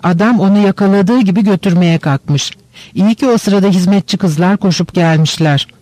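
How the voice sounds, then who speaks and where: Guy reading old spinster telling a spooky tale, measured, kinda high voice, dry sound. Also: darkish tone, dry recording, lightly acted. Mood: eerie. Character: unmarried old woman, family companion, fond of spooky tales. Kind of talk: audiobook reading.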